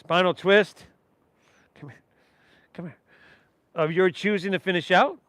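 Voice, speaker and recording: A man's voice: high voice, fairly even intonation, measured pace, a bit bright, dry recording. A man teaching a guided yoga class, giving breath and movement cues in an encouraging, easygoing, informal way. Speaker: yoga instructor.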